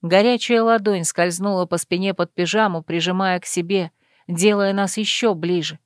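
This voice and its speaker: A woman narrating a first-person romance audiobook in an intimate, measured reading. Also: lowish voice, fairly even intonation, smooth, no echo, studio quality.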